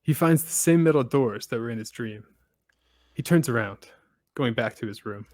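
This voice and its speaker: A man hosting a podcast, recapping a story in a casual way with steady storytelling and dry asides. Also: medium pitch, moderate pace, dry recording. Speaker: podcast host.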